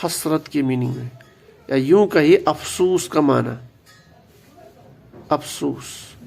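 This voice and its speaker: A man's voice: a little high, vocal fry, darkish tone. A man teaching an Arabic grammar lesson, patient and explanatory, repeating key words and slipping in English terms.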